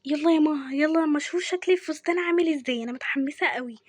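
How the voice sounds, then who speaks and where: A bubbly, excitable young woman chatters in a high Egyptian voice, as a woman puts her on. She sounds eager and youthful throughout. The sound is dry and close to the mic. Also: racing, no echo, natural voice. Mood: excited.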